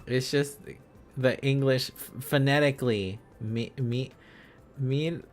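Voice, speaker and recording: A man with a steady, mid-range voice speaks slowly as faint music plays in the background. On his live stream, he's learning Korean script in a casual lesson. He muses out loud and repeats phrases and syllables while figuring out the letters and words.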